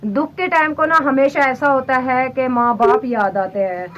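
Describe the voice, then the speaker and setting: A woman's voice: high voice, normal speed, dull audio. A woman vlogging at her village home, talking in a soothing, pleading way and speaking to viewers with heartfelt emotion, recorded on a handheld camera. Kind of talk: casual vlog talk to camera.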